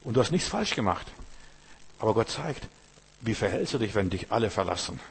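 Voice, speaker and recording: A man's voice: on the low side, very animated, a little fast, gravelly, husky. A man preaching a sermon, speaking pastorally and directly to the listener with rhetorical questions. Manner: acts out quoted voices of troubled believers.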